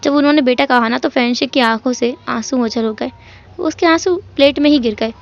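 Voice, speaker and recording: A woman's voice: sits high, brisk. A woman narrating a fan fiction story in a chatty, emotional retelling style. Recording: dull lo-fi audio.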